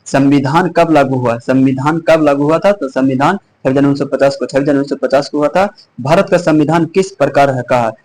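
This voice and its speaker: A hoarse man teaches an exam revision lesson as a quiz. He asks each question, answers it, then repeats both. His speech is full of small restarts, and his voice sits at an ordinary middle pitch. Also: quick pace, darkish tone, low-quality recording.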